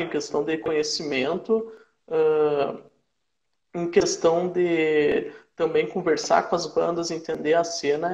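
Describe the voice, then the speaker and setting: A man's voice: on the high side, vocal fry. A man with a Rio Grande do Sul accent, chatting casually as a podcast guest and often tagging his lines with "né, cara?". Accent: Rio Grande do Sul Portuguese. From southern Brazil. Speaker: podcast guest, sports and music journalist. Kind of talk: casual chat. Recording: echoey, muffled live-stream audio.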